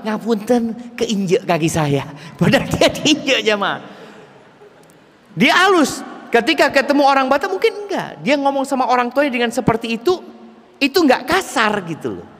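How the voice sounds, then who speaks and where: A man delivers a lively sermon, speaking straight to his congregation. His voice sits fairly high and leaps higher whenever he drives home a point. A long reverb from the hall trails behind every phrase. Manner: lively, rising sharply for emphasis, addresses the congregation. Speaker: preacher.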